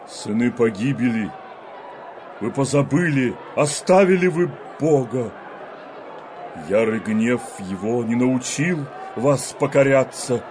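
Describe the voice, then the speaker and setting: An actor playing a stern, righteous elder who solemnly denounces a stubborn nation in declaimed verse drama. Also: male voice, on the low side, background noise.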